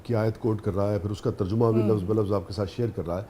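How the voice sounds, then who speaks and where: A man's voice: fairly low pitch, fairly even intonation, dark tone, slight background noise. A man with a Pakistani Urdu accent hosting a talk show, who affirms his guest often with short agreements and asks questions. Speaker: host.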